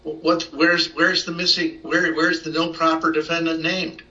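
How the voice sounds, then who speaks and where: A man speaking as a presiding judge, addressing counsel in a courtroom, somewhat halting. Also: on the high side, level tone, sharp tone. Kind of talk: courtroom questioning and directions. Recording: dull, distant microphone pickup.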